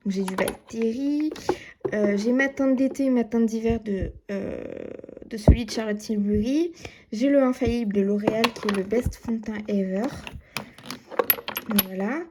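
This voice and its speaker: At her dressing table at home, a beauty vlogger with a voice on the high side talks a little slowly as she shows her things. Her casual show-and-tell is chatty, with lots of fillers and "voilà". The close camera or phone capture has background noise.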